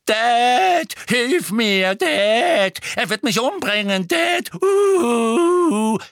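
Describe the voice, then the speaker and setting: A man voicing a big, boastful teenage bully who taunts his cousin in a high, loud voice. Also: big pitch swings, extremely slow, no echo, clean studio sound, heavily acted. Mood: fake screaming.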